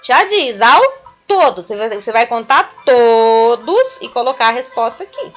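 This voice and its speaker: A woman teaching a recorded class to young children, explaining slowly and patiently step by step. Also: a little high, sing-song, faint music behind. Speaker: primary school teacher. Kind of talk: recorded remote class lesson.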